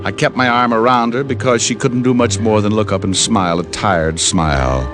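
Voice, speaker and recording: In an old radio crime drama with music behind it, a male actor with an American accent plays a tough, wry private detective who also narrates, hard-boiled, in the style of 1940s-50s radio. His lowish voice moves at a moderate pace and sounds close to everyday speech, with clipped, needling lines. The mood is grim and subdued.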